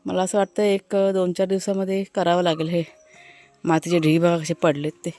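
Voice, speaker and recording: A woman with a slightly low voice speaks casually to her viewers, explaining each thing she points out. She records outdoors in a home garden, chatty and relaxed in her walkthrough. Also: normal speed, soft background music. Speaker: family vlogger.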